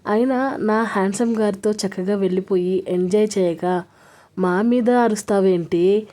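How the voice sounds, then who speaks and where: A woman's voice: mid-range voice, moderate pace, dark tone, lightly acted. A woman voicing a cheeky young woman who teases her friend in a storybook reading. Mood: loud teasing. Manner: teasing, coy.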